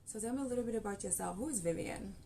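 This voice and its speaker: A woman's voice: mid-range voice, very fast, gravelly, dark tone, a little hiss or hum. A woman hosting a talk show, asking questions in a chatty, curious way and laughing easily. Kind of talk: casual interview chat.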